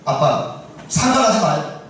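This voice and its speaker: A man's voice: fairly high pitch, big pitch swings, measured pace, fairly bright tone, distant mic, slight background noise. Man doing a grown son, defiant, snapping back at his father, very echoey hall.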